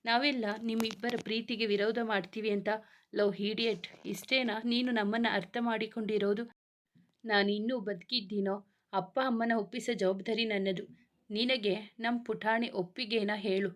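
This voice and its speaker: A woman's voice: medium pitch, fairly even intonation, moderate pace, lightly acted. A woman reading as a scolding big brother. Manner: scolding, affectionate. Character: protective young man, scolding older brother. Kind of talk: storybook reading.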